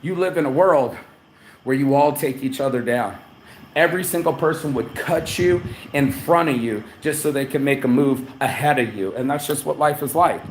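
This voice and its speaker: A vlogger from New Orleans gives a live travel update from a hotel room, rambling bluntly and profanely in a mid-range voice at normal speed. The room is echoey with faint ambience, and there's a little hiss or hum.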